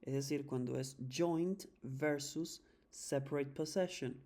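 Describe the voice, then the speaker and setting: A teacher giving an English grammar lesson in Spanish, patiently repeating each rule and slowly drawing out the example words. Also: medium pitch, dark tone.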